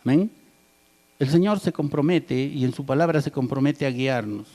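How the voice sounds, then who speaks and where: A male pastor with a warm, mid-range voice preaches at a moderate pace. He questions the congregation rhetorically and rounds off points with "¿verdad?" (right?) and "amén" (amen).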